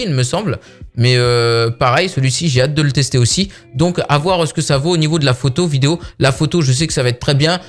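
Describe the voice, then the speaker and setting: A man's voice: a little high, fairly bright tone. A man casually reviewing a budget phone, talking in a chatty way full of fillers. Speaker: tech reviewer.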